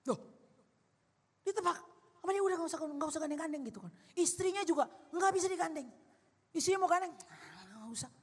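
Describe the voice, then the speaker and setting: A woman pastor, preaching a sermon loudly and with animation, adding playful asides. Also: very high-pitched, fast talker, pauses often. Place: large church hall. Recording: long hall reverb.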